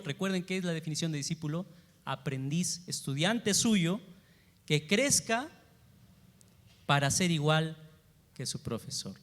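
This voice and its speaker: High-voiced pastor preaching in a reverberant church. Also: male voice. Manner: rhetorical questions to the congregation, shifts between loud emphasis and quiet asides. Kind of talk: sermon. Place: church sanctuary.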